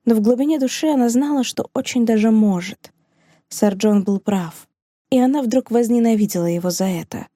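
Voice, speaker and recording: A woman reading a novel aloud as an audiobook narrator, with measured, even storytelling. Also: fairly high pitch, no echo, clean studio sound.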